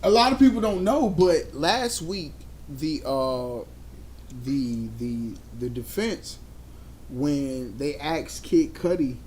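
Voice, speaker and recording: High-voiced tipsy man, loud banter. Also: animated, takes it slowly, a little hiss or hum. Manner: loud, laughing, says he is drunk. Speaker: podcast co-host. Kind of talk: casual live-show banter.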